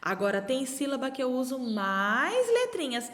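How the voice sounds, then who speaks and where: A Brazilian woman teaching young children, sounding out syllables slowly and clearly with exaggerated pronunciation. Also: sits high, very animated, a bit bright. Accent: Brazilian Portuguese. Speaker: primary school teacher. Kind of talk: remote lesson for young children. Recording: echoey room with long reverb.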